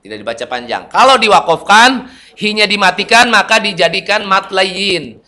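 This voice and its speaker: A man's voice: high voice, expressive, moderate pace, sharp tone. A young man teaching Quran reading rules in a casual lesson, chatting loosely, reciting short examples and often correcting himself.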